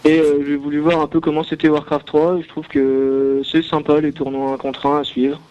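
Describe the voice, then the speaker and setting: Young male radio show caller, phone line, slightly high voice, hesitant, lots of fillers. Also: little pitch movement, normal speed, a little mellow, clear, resonant tone. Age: young adult. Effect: caller heard over a phone line. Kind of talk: casual phone chat.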